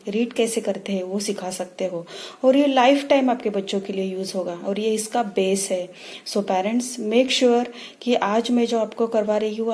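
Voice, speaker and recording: A woman teacher giving a phonics lesson to parents, saying each letter sound slowly and repeating it. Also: on the high side, dark tone. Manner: slow, repeats sounds for practice.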